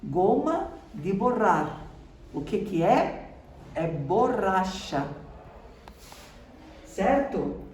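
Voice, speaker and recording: A woman's voice: mid-range voice, sing-song, extremely slow, pauses often, darkish tone. A Brazilian woman teaching a school lesson, explaining each word patiently and checking in with the class after every point. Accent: Brazilian Portuguese. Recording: roomy echo, voice from a distance, faint background noise.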